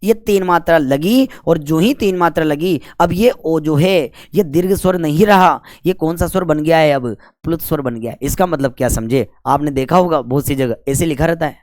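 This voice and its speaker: A man's voice: fairly high pitch, normal speed, hardly any pauses, darkish tone, dry recording, studio quality. A man teaching grammar for exam prep. He asks questions, answers them himself and stretches out the vowel sounds. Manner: chatty, with jokes between the rules.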